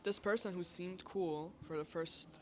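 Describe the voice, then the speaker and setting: Give me a woman telling a story to her vlog in a loose, animated way, with faint background noise. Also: on the low side, a little slow. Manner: animated, heavy use of "like", swears when exasperated. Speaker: vlogger. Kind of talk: casual storytelling rant.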